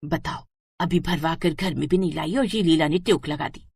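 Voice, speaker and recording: A woman voicing a sharp-tongued older mother-in-law who scolds and frets in a cartoon story. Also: sits low, normal speed, vocal fry, husky, dry recording, exaggerated voice. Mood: scolding. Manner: scolding, nagging. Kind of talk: cartoon voice acting.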